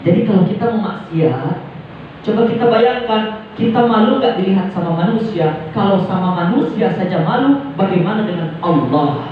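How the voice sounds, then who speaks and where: A man's voice: high voice, lively intonation, normal speed, slight background noise. A male preacher giving a casual sermon in slang, telling a story and acting out its voices. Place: prayer hall. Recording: echoey hall, distant dull mic.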